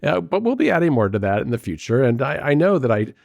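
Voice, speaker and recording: A man co-hosting a casual podcast chat, relaxed and wry, talking from a quiet room into a studio mic. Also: medium pitch, quick pace, gravelly, dry recording. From United States. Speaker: podcast co-host.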